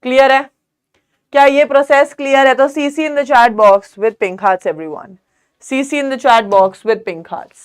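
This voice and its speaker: A young woman teaching biology in a live online class, mixing English terms into Hindi, quizzing students and asking whether it is clear. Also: high voice, takes it slowly. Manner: calls students "beta", quizzes them, asks if it's clear.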